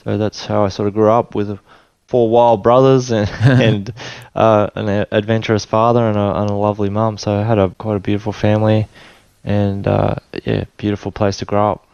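A man in his forties with an Australian accent, a guest telling his life story in a relaxed, rambling way full of restarts. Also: fairly low pitch, normal speed, gravelly, clear, resonant tone, no echo, dull audio. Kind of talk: casual storytelling interview. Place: his home.

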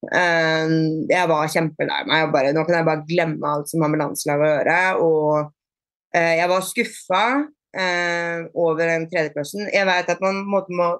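A woman being interviewed on a podcast, chatting casually, with many fillers and restarts and lively retold dialogue. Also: sits low, no room sound, clean studio sound. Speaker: podcast guest, bodyfitness athlete.

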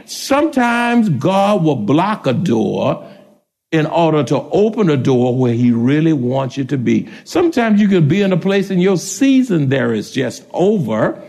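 A man pastor preaching a sermon, shouting out prayers, laughing between lines, speaking. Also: on the high side, very animated, measured pace, vocal fry.

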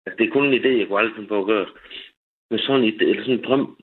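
A man's voice: fairly low pitch, husky. Joking male caller on a tinny phone line. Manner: rambling, joking, laughs at own ideas. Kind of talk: casual radio chat.

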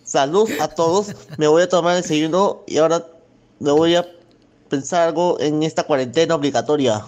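A male caller with a high voice tells a joke on the radio, halting and giggly as he goes. He sounds eager and a little unsure. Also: darkish tone. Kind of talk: telling a joke.

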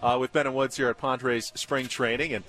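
An American man hosts a sports radio show on location at a baseball spring training camp, chatting conversationally and asking interview questions. His mid-range voice is steady and fairly bright, moving at a normal speed.

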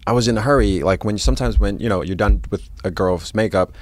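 A man in his thirties, a makeup artist, chatting casually on a podcast and telling animated stories. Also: fairly low pitch, quick pace, no echo. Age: 30s. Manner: animated storyteller, asks to be honest.

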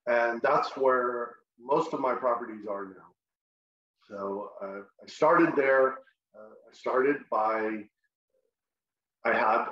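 A middle-aged Texan man, a short-term rental host, is the guest in a casual interview. His mid-range voice sounds fairly bright, but the recording is muffled and roomy. He is friendly yet halting, often restarting his sentences.

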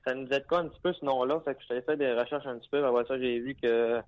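A young man with a Lac-Saint-Jean Quebec French accent, answering interview questions hesitantly and filling pauses often. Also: mid-range voice, steady tone, phone-quality sound. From Quebec, Lac-Saint-Jean region. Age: young adult. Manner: hesitant, many fillers and restarts. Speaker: hockey player guest.

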